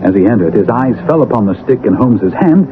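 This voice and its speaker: An actor playing an earnest, genial doctor, measured and slightly hesitant, in a 1970s radio drama. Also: male voice, on the low side, expressive, phone-quality sound, noisy background, close to an everyday voice. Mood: narrating, measured. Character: earnest, genial doctor, the detective's loyal companion. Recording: thin old radio broadcast, music.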